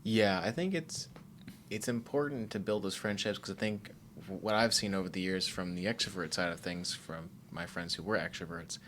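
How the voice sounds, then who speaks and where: A man's voice: sits low, normal speed, fairly bright tone, slight background noise. A man co-hosting a podcast, talking in a casual, rambling, thoughtful way with many fillers. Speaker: podcast co-host.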